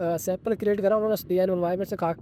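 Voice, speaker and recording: A man's voice: high-pitched, steady tone, very fast, mellow, slight background noise. A young man giving blunt, slangy career advice in a casual vlog monologue, addressing viewers as brother. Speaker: vlogger.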